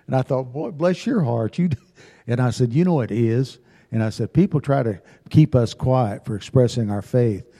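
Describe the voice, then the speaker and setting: A man's voice: mid-range voice, moderate pace, warm tone. A man, a church class member, telling a story in an earnest, rambling way. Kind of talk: casual storytelling. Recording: reverberant church hall.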